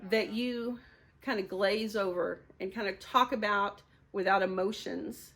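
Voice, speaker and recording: A woman's voice: medium pitch, fairly even intonation, a little slow, a bit bright. A woman in her fifties sharing a personal testimony, speaking candidly and with emotion, often laughing through hard memories.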